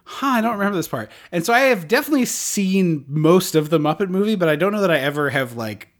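Chatty man with a raised pitch. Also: quick pace. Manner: rambling, animated, puts on quoted voices. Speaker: podcast co-host. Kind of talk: casual movie-review chat.

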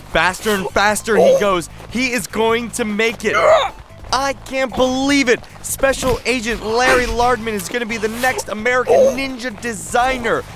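A man voicing a sports announcer giving excited play-by-play in a comedy audio drama. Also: sits high, lightly acted. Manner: play-by-play commentary, building hype.

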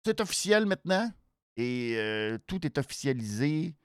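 A host with a nasal voice and a Quebec French accent gives a casual show recap, halting and repeating words for emphasis. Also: medium pitch, clean tone, no echo, studio quality. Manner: animated, hesitant, halting phrases with repeats for emphasis. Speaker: wrestling show review host.

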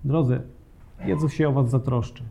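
A man's voice: mid-range voice, steady tone, moderate pace, vocal fry, warm tone, a little hiss or hum. A man preaching a sermon, speaking earnestly and directly to the congregation with occasional hesitations.

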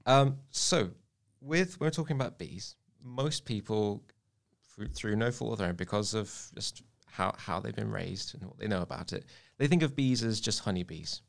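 A man as a podcast guest explaining things in a relaxed, playful way. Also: fairly low pitch, normal speed, creaky. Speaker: podcast guest, bee expert. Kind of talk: casual chat.

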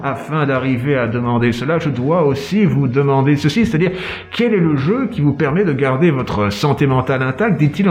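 A pompous, self-important detective showboats with a theatrical, sing-song flair, as a man puts him on. His voice sits a little high. He hams up every line for comedy. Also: a little mellow, close to an everyday voice. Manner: theatrical, playful, with silly sung noises. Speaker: comedic sketch character.

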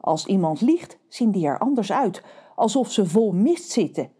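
A woman's voice: medium pitch, big pitch swings, moderate pace, mellow, breathy edge. Woman doing a stern, strict mother. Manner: stern, commanding. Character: stern mother, factory director, strict and sharp-eyed.

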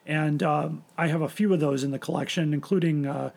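A man hosts a casual podcast in a gravelly, husky voice that sits fairly high. He rambles and restarts his sentences often as he talks. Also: fairly even intonation, fairly quick, a little mellow. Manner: rambling, hesitant, many restarts. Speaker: podcast host.

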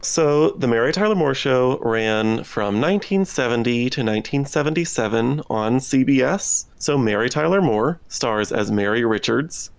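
A man with vocal fry, co-hosting a podcast in a conversational style about television. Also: medium pitch, no echo. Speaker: podcast co-host. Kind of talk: conversational TV discussion.

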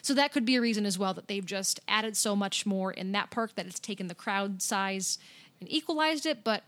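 A woman's voice: mid-range voice, normal speed, a bit bright. A woman co-hosting a casual podcast, chatty and upbeat as she runs through news items. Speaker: podcast co-host. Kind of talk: casual podcast chat about theme parks.

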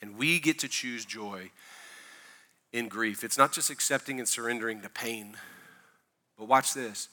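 A man's voice: medium pitch, a little slow, long pauses, pushed and bright. A male pastor giving a sermon in a conversational way, repeating key phrases for emphasis.

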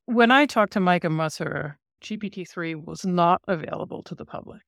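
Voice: mid-range voice, normal speed, vocal fry, fairly bright tone, dry recording, studio quality. A podcast co-host who interviewed a researcher, explaining things in a thoughtful conversational way with some restarts.

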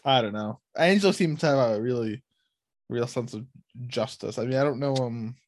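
A man's voice: medium pitch, moderate pace, no room sound, studio quality. A man co-hosting a podcast, reacting with enthusiasm to a TV episode, often saying "like" and trailing off mid-thought. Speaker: podcast co-host. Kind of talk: casual chat reacting to a TV episode.

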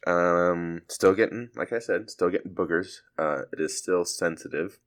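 A young man with a low voice co-hosts a casual podcast. He tells stories in a laid-back way and makes crude jokes. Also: moderate pace. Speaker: podcast co-host.

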